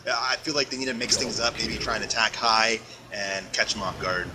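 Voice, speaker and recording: A man co-commentating a live match, reacting quickly and excitedly. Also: on the low side. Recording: crowd noise behind.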